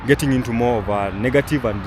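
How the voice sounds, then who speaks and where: Here a young Kenyan vlogger talks quickly in a mid-range voice, rambling through outdoor travel commentary with frequent fillers and restarts. The recording was made outside amid passing traffic.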